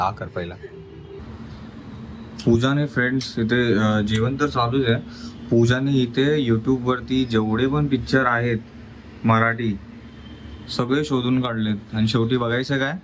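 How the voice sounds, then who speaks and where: A man's voice: medium pitch, fairly even intonation, measured pace, pauses often, slight background noise. A man vlogging about his family, talking to viewers while firmly coaxing and teaching his small child at mealtime. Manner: coaxing and firm, teaching a toddler.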